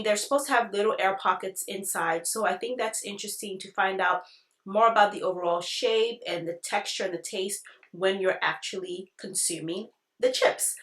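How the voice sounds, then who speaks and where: A woman's voice: medium pitch, a bit bright. A woman giving a casual product review, chatting directly to her viewers in an informal way. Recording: echoey, roomy sound.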